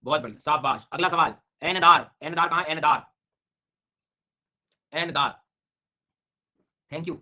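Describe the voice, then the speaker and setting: A man's voice: fairly high pitch, slow pace, long pauses, bright, forceful tone. A middle-aged male teacher giving an online exam-prep lecture, teasing his students with jokes while drilling names over and over. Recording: dull lo-fi online class audio.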